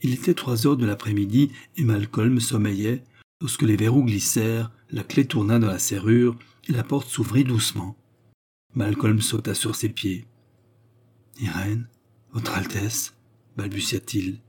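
Low, husky male audiobook narrator. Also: normal speed, warm tone. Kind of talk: scripted narration.

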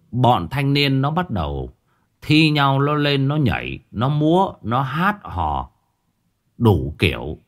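A man narrating a folk ghost story in a colloquial, expressive storytelling manner. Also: mid-range voice. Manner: lively, colloquial, expressive telling.

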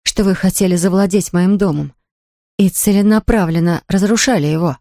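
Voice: mid-range voice, normal speed, a little mellow, no room sound, lightly acted. A narrator voicing a distraught woman who owns a ruined house, reading in a dry, close studio recording. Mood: overwrought. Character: distraught middle-aged woman, homeowner, near hysterics.

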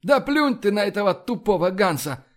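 A man's voice: high voice, sing-song, normal speed, voice pushed up. A man reading an audiobook, voicing a brash, blustering male captain.

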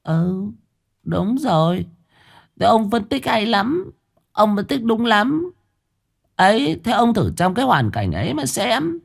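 A man voicing an older village wife, in a flustered falsetto. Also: very animated, takes it slowly, creaky, long pauses, exaggerated voice. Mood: sulky.

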